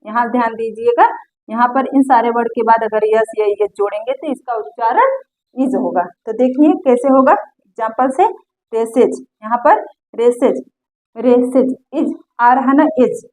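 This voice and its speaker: High-voiced woman teaching step by step. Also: darkish tone, poor audio. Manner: patient, repeats examples slowly and step by step. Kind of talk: classroom lesson explanation.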